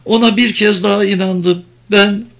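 A man voicing a desperate, hostile young woman captive with a thin, trembling voice, shrill and pleading. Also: steady tone, moderate pace, gravelly, a bit bright. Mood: frantic.

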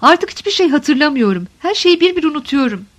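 A woman's voice: high voice, big pitch swings, brisk. A woman voicing an ageing male columnist who answers carefully and politely, with weary restraint, in an audiobook reading. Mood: cautious.

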